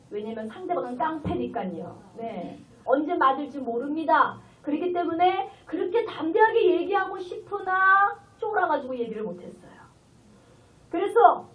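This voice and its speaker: High-voiced woman pastor preaching. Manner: animated, acting out voices, emotional. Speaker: guest pastor. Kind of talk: revival sermon with storytelling. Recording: distant tinny lo-fi sermon recording.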